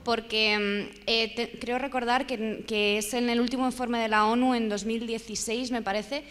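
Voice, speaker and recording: A woman in the audience asking a question, nervous, rushed and halting. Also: a little high, steady tone, a bit bright. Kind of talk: question from the floor. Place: large lecture hall. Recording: reverberant hall.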